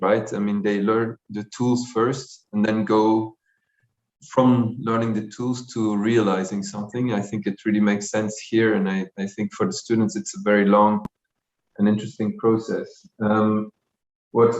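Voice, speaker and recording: A man on a video call, a structural engineer giving measured feedback as a guest critic and thinking aloud with pauses. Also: medium pitch. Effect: heard over a video call. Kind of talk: giving feedback on a student project. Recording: muffled, echoey video-call audio.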